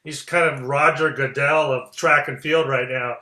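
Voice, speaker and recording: A man's voice: medium pitch, steady tone, moderate pace, pushed and bright. A man hosting a coaching session, giving closing thanks to the guest and the audience. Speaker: session host. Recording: echoey room.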